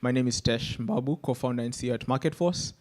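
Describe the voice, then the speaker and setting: A man's voice: medium pitch, fast, a little mellow. A man, introducing himself and his company on a conference panel in an upbeat way, with fillers and an uneven pace. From Kenya. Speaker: panelist, startup founder.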